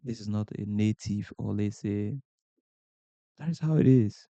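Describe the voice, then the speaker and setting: A Ghanaian man with a Ghanaian accent hosts a podcast, offering earnest motivational advice to camera through rhetorical questions and repeated points. His voice is fairly low, dark, and creaky, a little slow, with no echo.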